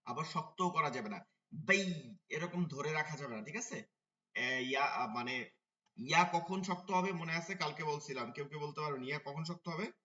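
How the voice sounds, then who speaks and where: A man teaching an online Quran reading class, spelling out letters and vowel marks, chanting words slowly and answering his own questions. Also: on the high side, sharp tone, far from the mic, lo-fi sound. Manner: drills syllables, then chants words slowly in a sing-song; asks the class questions and answers them himself.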